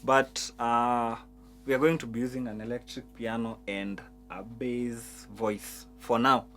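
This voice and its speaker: A piano instructor gives a keyboard tutorial, walking through keyboard settings step by step and often repeating words. He has a medium-pitched, slightly bright voice with a flat delivery and a somewhat slow pace. Keyboard music plays behind him.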